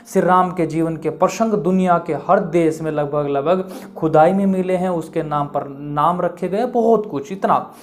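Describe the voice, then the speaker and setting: A man hosting an online channel, giving an earnest explainer monologue in which he asks the viewer questions and answers them himself. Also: high-pitched. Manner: earnest, emphatic delivery. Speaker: YouTube channel host.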